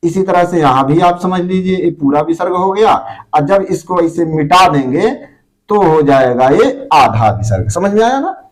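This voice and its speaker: A man with a high-sitting, animated voice teaches Sanskrit grammar for exam preparation at a normal speed. He explains patiently, repeats terms, sounds out syllables and uses frequent fillers.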